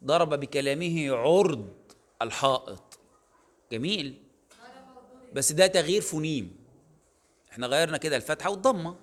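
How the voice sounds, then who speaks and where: In this recorded online lecture, a male university lecturer with an Egyptian accent talks at a moderate pace, pausing often. His voice sits on the high side with lively intonation, and he explains casually with many fillers and self-corrections.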